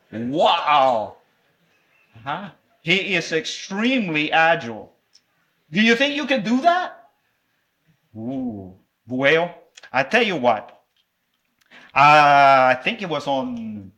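This Salvadoran preacher, whose first language is Spanish, has a bright, high-pitched male voice. His sermon turns into a children's object lesson, and he keeps it warm and playful, animated even as he restarts haltingly.

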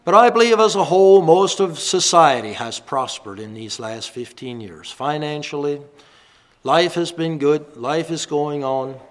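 A man's voice: fairly high pitch, measured pace. A man in his fifties, a minister giving a reflective sermon and reminiscing about the past. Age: 50s.

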